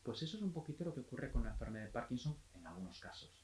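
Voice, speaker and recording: A man working as a physiotherapist, giving a calm, explanatory health talk and restarting phrases now and then. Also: mid-range voice, very fast, reverberant, low-quality recording.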